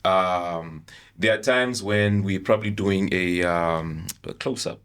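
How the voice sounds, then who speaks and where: A man's voice: low voice, takes it slowly, fairly bright tone, clear, resonant tone. A Namibian actor in a round table discussion, talking earnestly about his craft and repeating points for emphasis. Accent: Namibian English.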